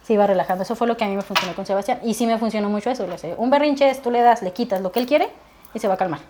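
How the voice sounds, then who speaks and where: A woman's voice: mid-range voice, background noise. A woman, a guest telling stories about her son in a casual conversation, acting out the dialogue as she goes. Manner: fast animated storytelling, acting out dialogue.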